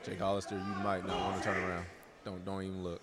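A man's voice: deep voice, monotone, fast talker. A man, himself a wrestler, giving guest wrestling commentary and reacting to the moves live. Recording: noisy live event background.

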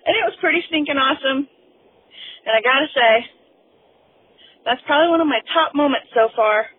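A woman leaving a gushing, excited voicemail on speakerphone from her car, over a phone line. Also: high-pitched, moderate pace. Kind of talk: casual rambling phone message. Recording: tinny phone line with faint car noise.

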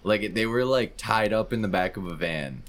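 A man's voice: on the low side, animated, moderate pace, a loud crowd. A young man from Michigan co-hosting a podcast, joking and swearing in casual chat. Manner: swearing, joking, laid-back. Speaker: podcast co-host.

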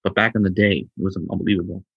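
Deep-voiced laid-back podcast co-host, man. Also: little pitch movement, racing, breathy edge, no room sound, muffled recording. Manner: laid-back, stammering restarts, says bro. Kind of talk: casual chat.

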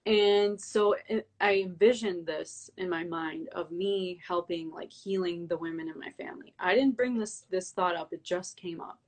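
A young woman with a slightly low voice talks through her story as a guest in a relaxed interview. She fills her sentences with "like" and acts out her own past thoughts in an animated way. She speaks as a breathwork coach. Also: normal speed, few pauses. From Albanian heritage. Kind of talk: casual interview conversation.

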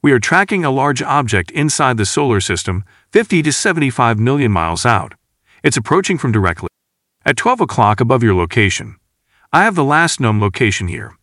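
A man reading as a brisk, commanding woman captain. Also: medium pitch, very animated, a bit bright, no room sound, clean studio sound. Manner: barking short orders. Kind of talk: audiobook character reading.

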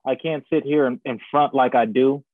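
A man's voice: medium pitch, steady tone, moderate pace, dry recording. A man from Guyana co-hosting a podcast, chatting casually with a laid-back, agreeable manner and plenty of slang. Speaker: podcast co-host. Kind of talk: casual chat. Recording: dry, phone-like lo-fi sound.

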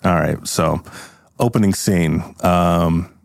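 A man hosting an improv comedy show, casually brainstorming a story out loud. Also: low voice, takes it slowly, vocal fry, no room sound, studio quality. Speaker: improv comedy podcast host.

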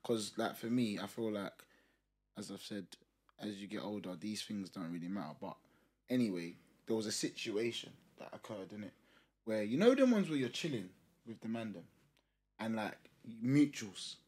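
A man's voice: on the low side, lively intonation, normal speed, a little mellow, breathy edge. A young man with a London roadman accent, chatting casually and telling anecdotes in a slangy, teasing way. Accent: London, urban roadman slang accent. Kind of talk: casual banter and anecdote chat.

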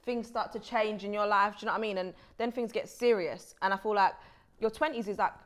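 A woman's voice: mid-range voice, fairly even intonation, fairly quick. A twenty-five-year-old woman thinking aloud in casual podcast chat, reflective and filling gaps with "like".

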